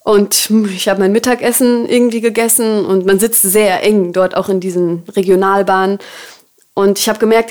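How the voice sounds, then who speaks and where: A podcast host with a medium-pitched voice shares a personal faith story. She reflects on it earnestly, in a softly confiding way.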